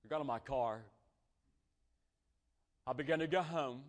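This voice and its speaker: A man's voice: medium pitch, a little slow. A male pastor preaching a sermon, telling a personal story and stretching out key phrases for emphasis.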